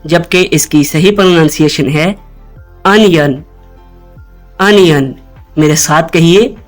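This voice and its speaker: A man teaching pronunciation in a slow, measured delivery, his voice sitting a little high. He patiently repeats each word for the listener to echo. Soft music plays faintly underneath. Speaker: host and English pronunciation teacher. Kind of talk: scripted pronunciation lesson.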